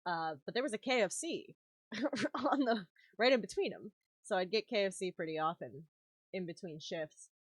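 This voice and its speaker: A woman's voice: lowish voice, no room sound. A woman chatting casually on a live stream while crafting, swearing freely and laughing often. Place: home craft room.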